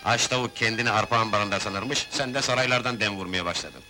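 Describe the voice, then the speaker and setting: A sharp, forceful and fairly low male voice. He is a streetwise film character, exasperated and sardonic, grumbling and teasing in colloquial phrases. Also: fast, faint music behind. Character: exasperated, sardonic streetwise man helping a drunk girl. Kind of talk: dramatic film dialogue.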